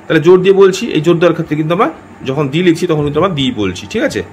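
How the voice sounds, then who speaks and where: A man's voice: fairly high pitch, animated, very fast, slight background noise. A man teaching a grammar lesson, often checking in with his listeners and repeating himself as he corrects his wording. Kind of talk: explanatory lesson.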